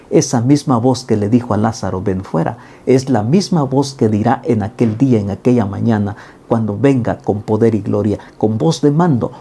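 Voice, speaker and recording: Man, preacher, gravelly, dark husky tone, earnest sermon delivery. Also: mid-range voice. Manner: earnest, rising to emphatic peaks when quoting. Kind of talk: daily Bible reading sermon.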